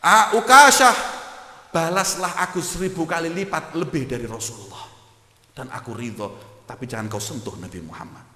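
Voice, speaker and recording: Javanese preacher playing a devoted guy pleading out loud, hall echo. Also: fairly low pitch, fairly quick, lightly acted. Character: devoted older man pleading to take a blow. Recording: echoey hall reverb.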